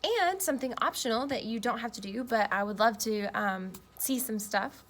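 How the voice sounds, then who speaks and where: Speaking as a teacher, a woman reads aloud from a children's storybook and addresses the children in between as part of the lesson. Her voice is on the high side, at normal speed, and background noise is clearly present.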